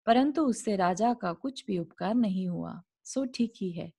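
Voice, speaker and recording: A woman's voice: mid-range voice, animated, measured pace, creaky, dark tone, husky. A woman teaching a scripture class over a video call. She reads an old religious text aloud, then explains it in simple words and asks the class rhetorical questions.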